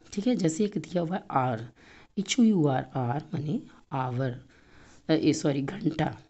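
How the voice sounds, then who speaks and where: Low-voiced Indian woman teaching a class. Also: warm tone, husky. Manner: explains step by step, repeats words slowly. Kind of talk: textbook lesson for children.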